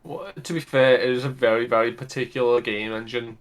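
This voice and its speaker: A man's voice: medium pitch, little pitch movement, a little fast. A man co-hosting a casual podcast, enthusiastic about fantasy games. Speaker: podcast co-host. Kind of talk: casual chat.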